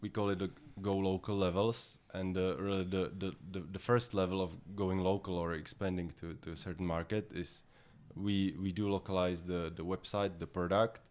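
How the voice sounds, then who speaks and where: Czech accent guy, deep voice, halting interview answers, repeats words a lot. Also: level tone, darkish tone. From Czech Republic. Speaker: podcast guest, head of localization and e-commerce at a software company.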